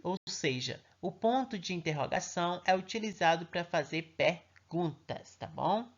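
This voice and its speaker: A man teaching a grammar lesson to young children, reading example sentences slowly and with emphasis and checking in often with the class. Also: high voice, animated, muffled recording. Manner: patient, reads examples slowly and emphatically, frequent check-in questions. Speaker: primary school teacher.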